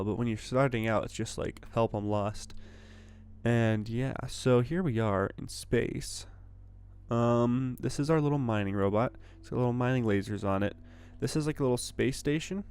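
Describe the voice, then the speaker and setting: A man's voice: mid-range voice, a little mellow, smooth. Groggy young man chatting over gameplay. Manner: chatty, rambling, upbeat. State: groggy morning voice, a little congested. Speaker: gaming channel host. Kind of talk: casual gameplay commentary.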